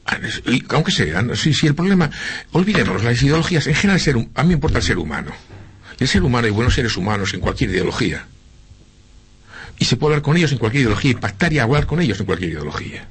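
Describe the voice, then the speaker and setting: Big pitch swings mark this medium-pitched, fast, slightly breathy male voice. He's a middle-aged local politician from Spain with a slight Argentine lilt, answering an interviewer earnestly amid frequent hesitations and repeats.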